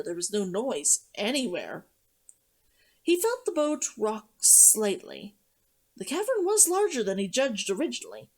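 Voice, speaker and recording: A woman reading a novel aloud as a streamer, narrating in an expressive, dramatic storytelling manner. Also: medium pitch, breathy edge. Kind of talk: audiobook-style story narration.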